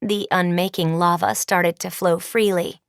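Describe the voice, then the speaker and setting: A woman's voice: on the low side, fairly even intonation, measured pace, vocal fry, clean tone, no echo, clean studio sound, pitched below the performer's own voice. A woman voicing a serious teenage girl, daughter of an evil queen, speaking steadily and matter-of-factly.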